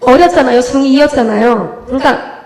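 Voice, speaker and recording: Lively high-voiced woman preacher, echoey church. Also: normal speed. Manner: animated storytelling, acts out her own prayers and dialogue. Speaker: evangelist giving testimony. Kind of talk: testimony at a church service. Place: church sanctuary.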